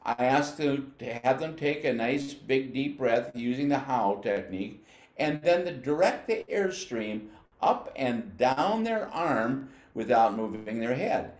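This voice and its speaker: An older man from the United States teaching band, explaining flute technique patiently and sounding out syllables slowly. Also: mid-range voice, a little mellow, reverberant. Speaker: music educator. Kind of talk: instructional demonstration.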